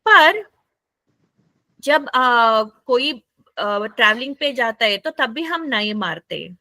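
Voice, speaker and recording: A woman with a South Indian accent leading a group lesson, animated and often checking in with "right?" while mixing English into Hindi. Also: fairly high pitch, slow pace, dry recording. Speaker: facilitator leading a group session for seniors.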